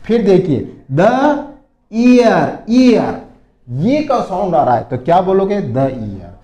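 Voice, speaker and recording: A man's voice: high-pitched, very animated, takes it slowly, dark tone, echoey room. A man teaching an English grammar lesson to students, patiently repeating points and asking rhetorical questions.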